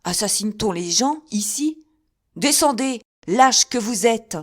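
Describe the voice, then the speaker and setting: Woman reader as an indignant older nobleman, proud, loud, audiobook. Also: mid-range voice, unhurried, voice pushed up, close to an everyday voice. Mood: outraged. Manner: indignant, outraged. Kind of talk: audiobook character reading.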